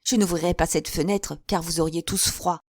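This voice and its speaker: A woman's voice: fairly low pitch, steady tone, normal speed, no room sound, clean studio sound. A woman voicing a chattering, effusive older spinster who gushes in breathless run-on talk. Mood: gushing.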